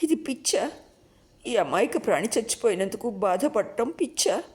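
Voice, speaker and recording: A woman voicing an idealistic, tender-hearted young college woman who speaks softly and pleadingly in a told story. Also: a little high, lively intonation, moderate pace, voice pushed up, natural voice. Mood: tearful pleading. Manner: soft, pleading, emotional.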